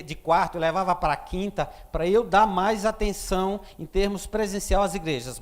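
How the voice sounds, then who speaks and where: A Brazilian Portuguese-accented pastor preaches with a notably high voice. He tells the story vividly, acting out the dialogue and swinging between loud passages and hushed ones. The delivery is that of a sermon.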